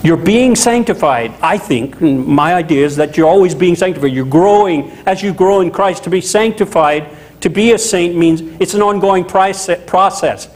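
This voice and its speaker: A middle-aged man from Louisiana preaching a sermon as a pastor in a small chapel, talking in a conversational, animated way with asides. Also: high voice, normal speed, poor audio. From Louisiana, USA.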